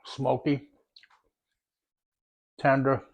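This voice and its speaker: A man's voice: medium pitch, drawn-out words, creaky. A man hosting a barbecue cooking video, casually walking viewers through smoking and saucing ribs, then tasting them. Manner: relaxed, talks with his mouth full while tasting. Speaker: BBQ cooking channel host.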